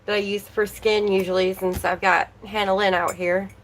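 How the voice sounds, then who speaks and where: A chatty woman hosting a relaxed livestream, talking along and greeting viewers by name. Her voice is a little worn, as if she is losing it. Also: mid-range voice, normal speed, slight background noise, rough recording. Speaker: livestream host. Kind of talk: casual livestream chat.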